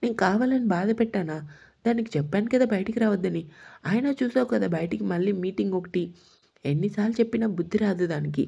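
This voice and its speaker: A bossy young man with a short fuse, read aloud by a woman storyteller, speaking in a low gravelly husky tone. He scolds and gives orders in a storybook reading, his voice mellow rather than sharp. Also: fast talker, muffled recording, exaggerated voice. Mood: irritated. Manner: scolding, commanding. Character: quick-tempered young man, bossy lover.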